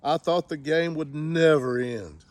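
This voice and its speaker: A man's voice: fairly high pitch, slow, no echo. A man giving a casual spoken review of a football game, with wry, sarcastic humor.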